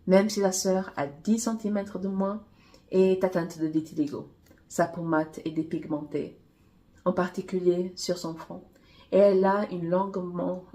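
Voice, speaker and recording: Mellow-voiced woman reading her novel aloud. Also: fairly low pitch. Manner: steady first-person narration.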